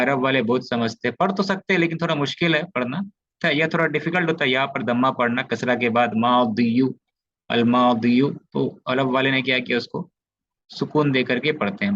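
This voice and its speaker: A man's voice: medium pitch, brisk, a bit bright, dull audio, slight background noise. A man from India teaching an Arabic grammar lesson, explaining patiently and often checking that his students follow. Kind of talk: online class lecture.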